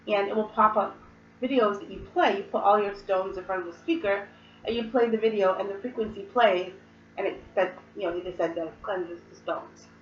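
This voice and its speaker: A woman with a slight cold gives a casual how-to talk, rambling through fillers and side remarks. She sits some way from the mic, so her voice sounds distant and a bit muffled. The room echoes around her, with a faint hiss underneath. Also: medium pitch. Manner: chatty and rambling, with many fillers and asides. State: hoarse from a cold, occasional coughs. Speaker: host. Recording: roomy, distant, dull mic.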